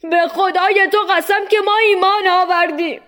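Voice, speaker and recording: A woman doing a shrill, panicked townsperson. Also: animated. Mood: alarmed. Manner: shrill, alarmed shouting. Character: panicked, frightened townsperson of ancient times. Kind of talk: storybook reading.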